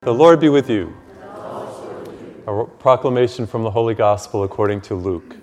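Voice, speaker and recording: Priest preaching with long church echo. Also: male voice, lowish voice, normal speed, darkish tone, dull audio, soft background music. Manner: conversational preaching with homely asides. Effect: long church reverb. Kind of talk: sermon with gospel reading. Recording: echoey church hall reverb.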